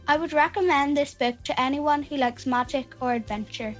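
A very high-pitched female voice reads out a scripted book review. Music plays behind the voice. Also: normal speed.

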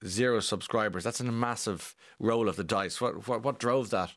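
A man's voice: on the low side, moderate pace, no room sound, studio quality. A man asking questions as a radio interviewer.

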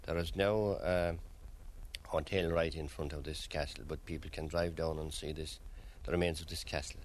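A man with a Kerry Irish accent, answering interview questions as a local guide with measured, storytelling delivery. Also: a bass voice, steady tone, a little hiss or hum. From County Kerry, Ireland.

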